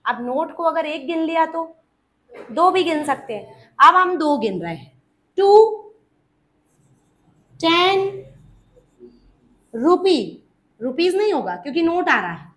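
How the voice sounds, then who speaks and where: A woman's voice: extremely high pitch, big pitch swings, slow pace, long pauses, fairly bright tone. A woman teaching an English grammar lesson, patiently repeating points and quizzing her students, whom she calls child.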